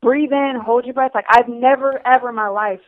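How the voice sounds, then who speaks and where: A woman's voice: a little high, fairly even intonation, a little fast, dry recording. Winded woman on a tinny line. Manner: loose, profane, laughs often. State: winded, using an inhaler. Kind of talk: casual chat.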